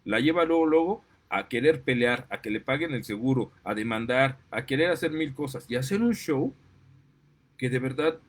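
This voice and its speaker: A man's voice: medium pitch, lively intonation, moderate pace. Mexican man, parent, heated opinion monologue, indignant, gets worked up. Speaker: parent and commentator. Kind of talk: impassioned monologue.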